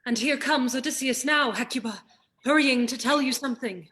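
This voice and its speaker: A woman's voice: high-pitched, moderate pace, pushed and bright. An actress voicing a woman of the chorus, speaking verse with urgent rhythm. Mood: announcing. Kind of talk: stage play reading.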